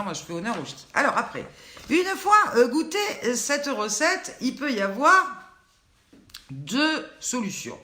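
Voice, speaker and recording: A mid-range voice, pushed and bright, belongs to an older woman with a Southern French accent. She hosts a casual live cooking chat online, joking and talking straight to viewers by name, and the recording has a roomy echo.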